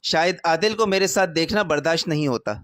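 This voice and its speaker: A man's voice: on the high side, a bit bright, natural voice. A man voicing a spiteful young sister-in-law who taunts with sarcasm. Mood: mocking. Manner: mocking, sarcastic.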